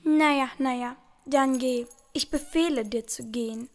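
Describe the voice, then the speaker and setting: A woman's voice: high-pitched, a little slow. A woman voicing a bossy, pompous queen who rules a tiny planet, giving orders in a radio play. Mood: pompous, commanding. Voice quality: pompous, commanding. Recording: music playing underneath.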